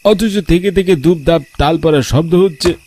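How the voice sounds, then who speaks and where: A young man narrating a first-person ghost story in a tense, hushed way. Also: a little high, normal speed, dry recording.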